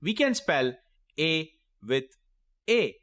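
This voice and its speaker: A man leads a children's phonics lesson, his fairly high voice rising and falling in a lively, sing-song way. He takes his time, sounding out each letter and word clearly while cheering on young learners, all recorded dry and close with no room sound. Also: slow pace, no room sound. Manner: encouraging, addresses young children directly. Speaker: teacher.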